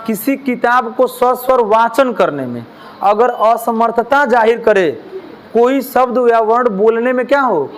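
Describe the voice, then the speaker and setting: A man's voice: very high voice, slight background noise. A male teacher, lecturing a class in a classroom, questioning the students and joking with them. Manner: asks the class questions, jokes and mimics lisping children.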